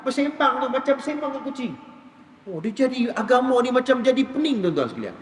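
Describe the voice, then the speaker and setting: High-voiced preacher with a northern Malaysian accent. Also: male voice, fast talker, reverberant, long reverb tail, far from the mic, low-quality recording. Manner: lively storyteller, addresses audience as tuan-tuan, rhetorical questions. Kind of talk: religious lecture.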